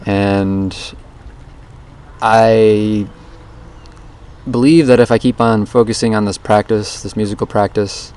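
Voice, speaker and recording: A man's voice: lowish voice, steady tone, slow, pauses often, darkish tone, clear, resonant tone. A man giving a rambling, introspective audio diary in a casual way, captured as a dictaphone recording outdoors. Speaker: vlogger recording a daily challenge diary. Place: outdoors under a bridge. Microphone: handheld voice recorder. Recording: outdoor voice recorder with background noise.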